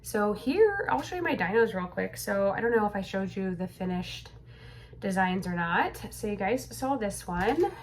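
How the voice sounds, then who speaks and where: A woman's voice: mid-range voice, expressive, normal speed, slight background noise. Chatty young woman, a bit breathless. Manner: rambling, chatty, filler-heavy. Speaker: crochet pattern designer vlogger. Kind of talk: casual vlog chat. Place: home room being cleared out.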